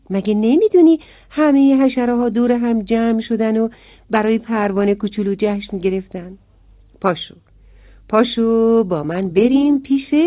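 A woman voicing a gentle, coaxing male cricket in a children's story, with a dry, phone-like sound. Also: on the high side, no room sound, close to an everyday voice. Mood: friendly. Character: kind eager male cricket.

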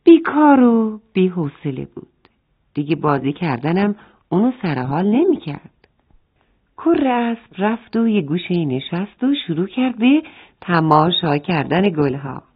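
A woman's voice: on the low side, husky. A woman telling a bedtime-style children's story. Her voice rises and falls a lot as she narrates, and she often stops to address the children. The sound is narrow and phone-like. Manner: expressive, speaks directly to the children.

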